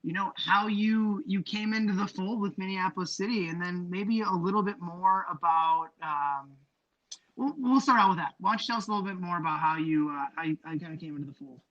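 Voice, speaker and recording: A man's voice: high-pitched, fairly quick, a bit bright, no room sound, muffled recording. A man co-hosting a casual soccer podcast, asking the guest long, rambling questions. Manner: rambling questions, lots of fillers. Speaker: podcast co-host.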